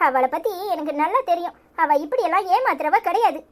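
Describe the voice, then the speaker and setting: A woman doing a pleading young cartoon wife, high-pitched. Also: lively intonation, a little fast. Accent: Tirunelveli Tamil. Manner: pleading, earnest. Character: remorseful married daughter, young woman.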